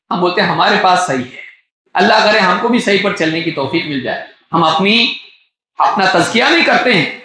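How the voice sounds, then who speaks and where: High, bright-voiced male scholar lecturing. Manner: reads Arabic texts, then explains them at length; repeats key phrases for emphasis. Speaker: Islamic scholar giving a lecture. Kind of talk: religious lecture. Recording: very echoey room.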